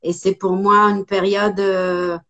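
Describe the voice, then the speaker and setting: A woman in her forties from Italy with an Italian accent, speaking as an interview guest, hesitant with many pauses and fillers. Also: medium pitch, level tone, a bit bright, lo-fi sound. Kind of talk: casual interview.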